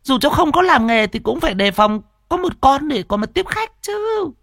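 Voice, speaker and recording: A man voicing a middle-aged village wife who scolds her husband in a nagging, stammering, high-pitched way. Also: sing-song, normal speed, creaky, fairly bright tone, exaggerated voice. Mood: scolding.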